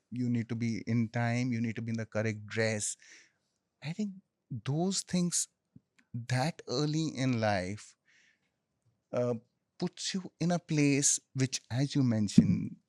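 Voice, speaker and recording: A man's voice: mid-range voice, darkish tone, no room sound. Indian man recounting memories, close dry sound. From Jammu and Kashmir, India. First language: Hindi. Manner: explanatory, pauses mid-phrase, often says "you know". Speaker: interview guest, military officer. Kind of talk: conversational storytelling.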